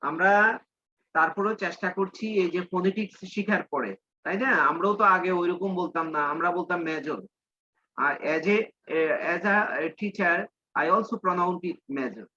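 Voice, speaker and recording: A male English teacher giving a class lesson, reading English lines slowly and explaining them in Bengali. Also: high-pitched, bright, forceful tone, lo-fi sound, slight background noise.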